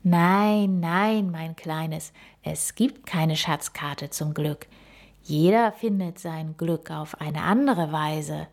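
A woman voicing a wise old female owl in a storybook reading, speaking calmly and gently. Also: sits low, heavily acted. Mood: gentle. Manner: calm, gentle and unhurried.

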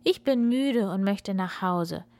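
A woman's voice: medium pitch, expressive, slow pace, a little mellow, dry recording. A woman voicing a tired, stern grown-up weather fairy in a children's story. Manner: stern, weary.

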